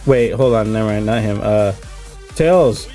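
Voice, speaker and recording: A man's voice: on the low side, a little slow, mellow. A man hosting a casual chat, talking in slangy, emphatic short phrases with some swearing. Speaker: host reading questions. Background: music.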